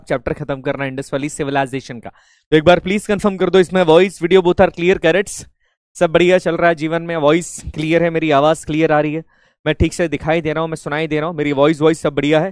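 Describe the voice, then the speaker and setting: This online class is led by a man whose voice sits on the high side, captured as a dry, clean studio recording. He seems slightly ill, blends English phrases into his Hindi, leads patriotic chanted greetings, and asks again and again whether his audio is coming through.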